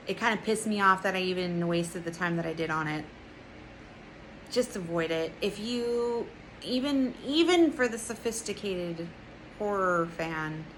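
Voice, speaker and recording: Young woman with a bright voice ranting and swearing through a movie review, sarcastic. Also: lowish voice, a little hiss or hum, low-quality recording. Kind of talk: casual vlog review.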